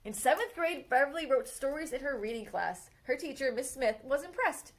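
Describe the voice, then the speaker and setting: Reading a picture book biography for kids, this woman librarian has a high voice. She brings expressive storytime energy and eases the pace at the thrilling parts.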